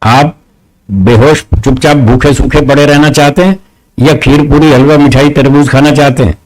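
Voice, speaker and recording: This man, is a spiritual teacher answering questions in a question-and-answer session. His voice sits in an ordinary middle pitch. He lays out arguments step by step, often asking rhetorical questions. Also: fairly even intonation, moderate pace, a little mellow, low-quality recording. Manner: patient, explains step by step, asks rhetorical questions; firm with questioners.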